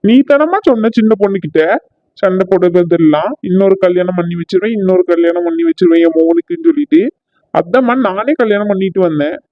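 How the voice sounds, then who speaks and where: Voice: mid-range voice, lively intonation, a little fast, no room sound, lo-fi sound, lightly acted. A performer playing a defiant, exasperated married son in a cartoon family comedy.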